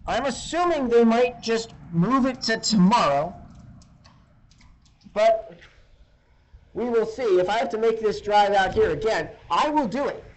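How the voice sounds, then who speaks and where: A man's voice: high voice, expressive, measured pace, pauses often, low-quality recording. A man giving informal, rambling rain updates as a sports broadcaster, outdoors on a handheld dictaphone-style voice recorder. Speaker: high school baseball broadcaster. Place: outdoors by a door in a rainstorm. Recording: handheld voice recorder with clear noise.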